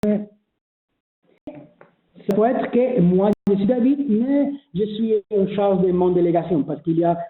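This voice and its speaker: Long pauses mark the measured, high-pitched delivery of a man presenting a webinar about signing up online. He is not a native French speaker and stumbles through fillers and restarts, and the recording sounds echoey and phone-like.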